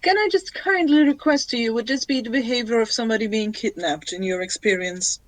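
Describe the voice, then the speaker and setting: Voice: mid-range voice, a little fast, a bit bright, no room sound, lightly acted, poor audio. A player voicing a formal, literal-minded, unflappable robot companion in a tabletop role-play. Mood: polite, stiff. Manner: stiff, formal, precise.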